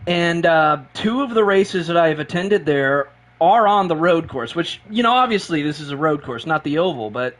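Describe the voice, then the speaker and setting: A man with a high voice streams a racing game live and talks with bubbling excitement. He rambles and says the same things twice, running on little sleep and plenty of caffeine. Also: moderate pace. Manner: excitable, rambling, repeats himself.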